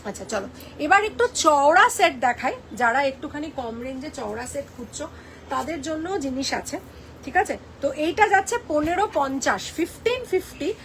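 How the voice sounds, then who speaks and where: Woman, high voice, live-stream sales chat, playful and teasing, code-switching to English. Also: lively intonation, normal speed, a bit bright, slight background noise.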